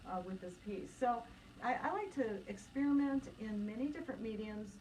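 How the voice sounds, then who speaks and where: A woman's voice: on the high side, moderate pace, darkish tone, distant mic, low-quality recording. A woman art teacher talking eagerly about her work as a radio interview guest. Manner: eager, talkative. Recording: voice a little off-mic with light noise.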